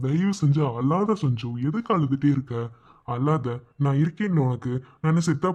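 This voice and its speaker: A man's voice: a little high, expressive, moderate pace, darkish tone, breathy edge, highs cut off. A man voicing a teasing, reassuring young husband. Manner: teasing, coaxing. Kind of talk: cartoon voice acting.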